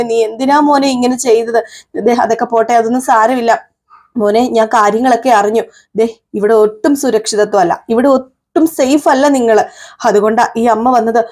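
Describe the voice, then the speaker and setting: A woman's voice: on the high side, darkish tone, close to an everyday voice. A woman voicing a scheming middle-aged mother-in-law who plays the wronged mother. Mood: pleading.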